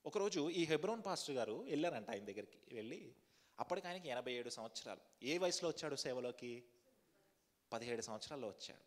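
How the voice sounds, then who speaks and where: Pastor guy preaching n praying, mid pitch, long echo in the church hall. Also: lively intonation, quick pace. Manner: earnest preaching, rhetorical questions to the congregation; repetitive fervent prayer cadence. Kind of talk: sermon with congregational prayer.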